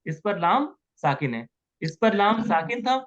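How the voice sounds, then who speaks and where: A man's voice: high-pitched, big pitch swings, measured pace, fairly bright tone, dull audio. A man teaching Arabic grammar in an online class, patiently repeating words and asking students questions.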